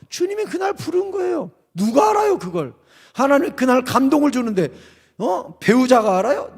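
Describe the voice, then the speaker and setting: A middle-aged male pastor preaching to his congregation, with high and very lively swings in pitch. His voice has a gravelly edge. It carries a long reverb from the church hall. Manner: emphatic, dramatic preaching that acts out quoted voices. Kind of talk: revival sermon. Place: church sanctuary.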